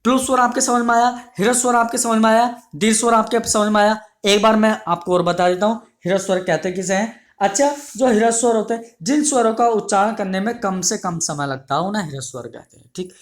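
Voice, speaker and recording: In this exam-prep grammar lesson, a high-pitched man repeats every definition and drills it slowly. He calls his students his dear children and supplies the answers to his own questions.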